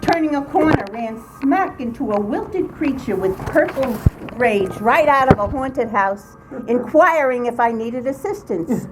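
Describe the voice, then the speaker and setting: An older woman reads her own humorous personal essay to a writing group in an indoor meeting room, using a theatrical, comic storytelling style. Her voice is a little high, expressive and a little slow, with few pauses, and the noisy room adds background ambience.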